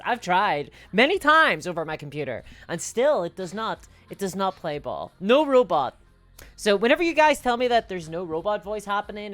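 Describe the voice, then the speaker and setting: Female streamer with a low voice, casual rambling chat to viewers, faint music underneath. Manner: chatty, reads viewer comments and answers them; rambling, self-mocking. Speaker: live streamer.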